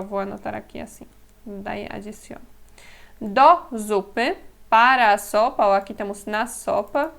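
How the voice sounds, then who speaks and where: A woman whose first language is Polish, teaching Polish words in a slow, explanatory lesson, repeating each word carefully and laughing lightly now and then. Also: mid-range voice.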